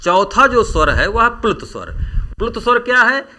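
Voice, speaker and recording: A man teaching Hindi grammar in a lecture, drawing out vowels slowly as he demonstrates them. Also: high-pitched, sing-song, bright, forceful tone, slight background noise. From India. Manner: slow, drawn-out vowel demonstrations. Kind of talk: classroom lecture.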